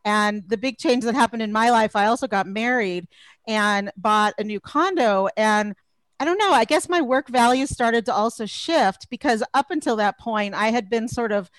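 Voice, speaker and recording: A woman's voice: fairly high pitch, moderate pace, no room sound. A middle-aged woman from Los Angeles, a career coach guest in a podcast interview, talking in a chatty way and laughing often.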